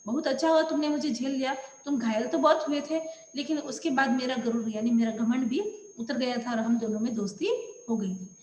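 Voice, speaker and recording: A woman's voice: high voice, steady tone, a little fast, darkish tone, lightly acted. A woman teacher reading the lines of a once-proud male lamppost, now grateful and reflective, in an echoey room.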